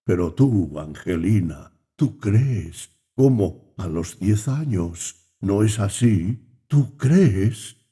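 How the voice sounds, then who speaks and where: Sorrowful old country priest, read by a man: dark, slow, pleading. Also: on the low side, animated, slightly rough, full character voice. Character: grieving aged village priest, gentle. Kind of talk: audiobook reading.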